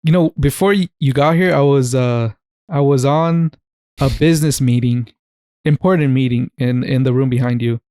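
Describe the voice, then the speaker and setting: A man's voice: medium pitch, moderate pace, mellow, clean tone, no echo, studio quality. A man co-hosting a podcast in casual chat, joking, laughing often and swearing freely. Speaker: podcast co-host.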